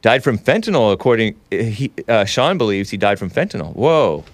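Rambling and quick to laugh, this talk show host chats with his live-chat viewers and offers plenty of opinions in a casual style. His nasal voice sits on the low side with a sing-song lilt at normal speed, and there's no echo.

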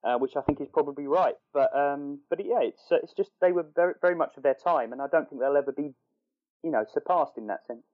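Male podcast co-host, eager and halting, slightly high voice, dry muffled mic. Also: no echo. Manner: enthusiastic, hesitant, many restarts. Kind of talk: casual chat.

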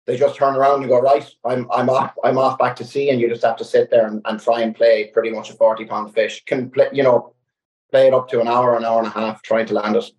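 A young man, telling a fishing story in casual chat, full of "like" fillers. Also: medium pitch. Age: young adult. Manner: animated anecdote-telling with many "like" fillers. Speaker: guest angler. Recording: roomy echoey sound.

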